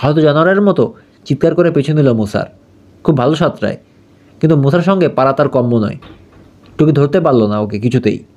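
A man giving scripted story narration as an audiobook narrator, with a steady storytelling delivery. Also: fairly high pitch. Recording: dull lo-fi audio.

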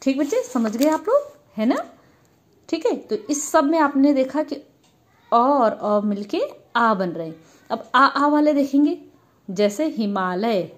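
A woman's voice: high voice, very animated, slow, pauses often. A woman teacher giving a grammar lesson, patiently asking questions and answering them herself. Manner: addresses students as children.

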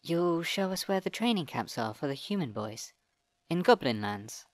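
A man putting on a curious young explorer fairy for a storybook reading, high and eager. Her voice rises and dips lively in a dry, close sound. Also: normal speed, dry recording. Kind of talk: audiobook character voice.

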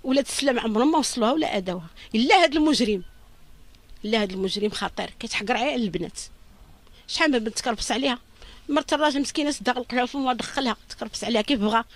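Middle-aged woman, Moroccan Arabic accent, grieving mother in an interview; lamenting, rushed delivery, dry close sound. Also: a little high, dry recording. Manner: urgent, lamenting, pleading. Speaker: mother of a victim. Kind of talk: emotional interview testimony.

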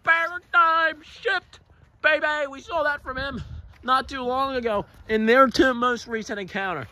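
A man giving excited, joking play-by-play commentary on a wrestling match and shouting out the count. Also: very high-pitched, normal speed.

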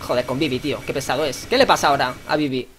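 A man's voice: mid-range voice, rapid-fire, fairly bright tone, a little hiss or hum. A young man with a Spain Spanish accent, casually commenting on a video game, joking and crude as he reads lines aloud. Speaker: gamer. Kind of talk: casual let's play commentary. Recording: game music in the background. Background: game music.

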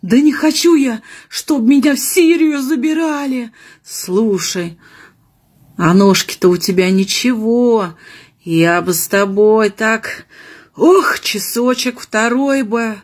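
A panicked young draft dodger as a woman acts him out in a joke, with a husky voice pitched fairly high. He pleads and wheedles in a theatrical, comic way. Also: slow pace. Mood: grateful, cheeky. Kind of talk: acted joke telling.

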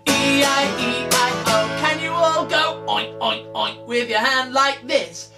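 An extremely high-pitched young man takes things slowly as he leads a kids' interactive music class, singing, prompting the children and encouraging them upbeat while playing. He sits with an acoustic guitar facing a camera in a small indoor room with guitars on the wall, guitar accompaniment running throughout.

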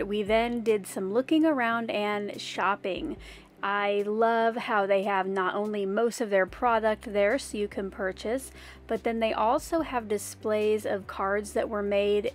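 The voice is medium in pitch, fairly even and a little slow. It belongs to a cheerful, friendly craft vlogger in her forties who chats casually and narrates voice-over into an arm's-length phone, both in a car and outside at a rest area.

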